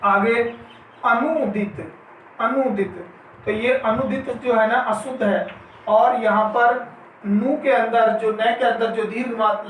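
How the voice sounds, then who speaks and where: A male Hindi grammar teacher giving an exam-prep spelling lesson, drawing out each word slowly, repeating it, and asking questions he answers himself. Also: high-pitched, fairly bright tone. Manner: slow, drawn-out pronunciation of each word, repeating it. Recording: very echoey room, mic at a distance, faint noise.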